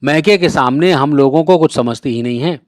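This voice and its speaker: A man voicing a hot-tempered young village man in a read-aloud story, gruff and taunting. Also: fairly high pitch, normal speed, no room sound, studio quality, lightly acted. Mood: complaining.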